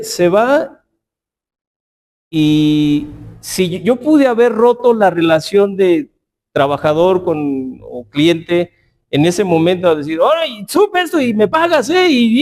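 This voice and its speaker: Bible class teacher, a man with a high voice, chatty and anecdotal. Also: warm tone. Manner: conversational, tells anecdotes with quoted dialogue.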